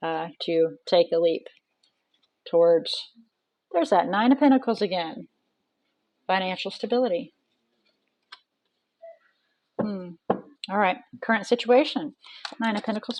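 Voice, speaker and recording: A woman's voice: lowish voice, darkish tone, poor audio. A woman reading tarot cards aloud in a casual, chatty way, thinking aloud with many ums and restarts. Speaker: tarot reader.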